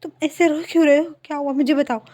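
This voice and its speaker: An anxious older sister who fusses over her sibling with urgent, rising questions, pitched high above the narration, as a woman puts her on. She is protective and caring in a read-aloud fan story. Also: fairly even intonation, fast, warm tone, lightly acted. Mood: comforting.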